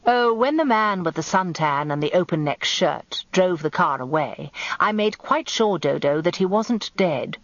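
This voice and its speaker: On a dull lo-fi radio recording, an actress with an English accent confides a first-person story as a wry, observant lawyer's wife turned amateur detective. Her fairly low voice has lively intonation and an unhurried pace with hardly any pauses, and there is no echo.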